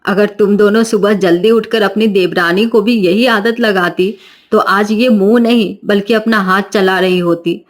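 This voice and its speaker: A woman's voice: mid-range voice, lightly acted. A woman voicing a strict middle-aged mother-in-law who scolds and gives orders in a commanding way in a cartoon story.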